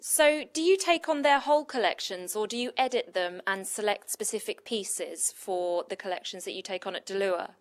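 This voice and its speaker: A woman interviewer putting brisk, prepared questions to her guests. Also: medium pitch.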